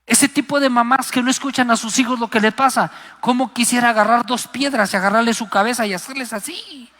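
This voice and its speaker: A man's voice: very high-pitched, fairly quick, sharp tone. A man preaching a Pentecostal sermon, passionate and emphatic, acting out the voices he quotes. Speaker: guest preacher. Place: live church service. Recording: long hall reverb.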